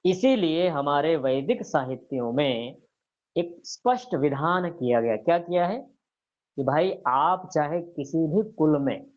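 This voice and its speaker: A man's voice: on the high side, darkish tone, muffled recording. Man explaining scripture with rhetorical questions. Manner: recites verses slowly. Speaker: teacher of scripture. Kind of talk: explanatory religious lecture.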